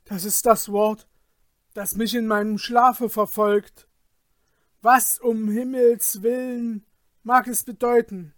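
A man's voice: high-pitched, little pitch movement, takes it slowly, dry recording, studio quality, pitched above the performer's own voice. A man voicing a frightened, greedy fisherman who cries out in alarm. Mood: terrified. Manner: crying out in alarm. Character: greedy fisherman, startled and terrified.

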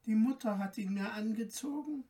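A woman voicing a timid, gentle fairy-tale maiden who speaks softly and pleadingly, recorded from a distance. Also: on the high side, normal speed, lightly acted.

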